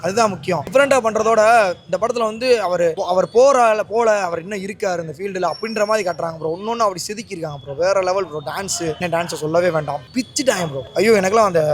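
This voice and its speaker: A man in a street interview outdoors, talking excitedly and calling the interviewer bro. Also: high-pitched. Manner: rapid, excited, says bro a lot. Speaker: fan interviewed outside theatre.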